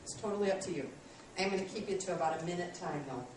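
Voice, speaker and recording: A woman's voice: fairly low pitch, fast talker, far from the mic, background noise. Woman teacher in an echoey classroom. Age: 30s. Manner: friendly, self-deprecating, many ums. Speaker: college instructor. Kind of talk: classroom lecture.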